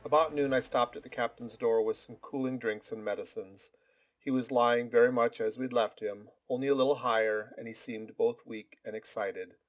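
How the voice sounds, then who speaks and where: A man reading a novel aloud as a steady audiobook narrator. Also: mid-range voice, moderate pace, faint music behind. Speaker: audiobook reader. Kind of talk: scripted narration.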